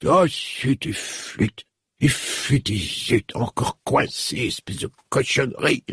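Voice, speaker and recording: A man reading aloud and voicing a very old, hunched woman, gruff toward visitors but fond of a familiar guest, in a high quavering voice. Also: big pitch swings, unhurried, a little mellow, no echo, clean studio sound, exaggerated voice. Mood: grumbling. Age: 70s to 80s (figure).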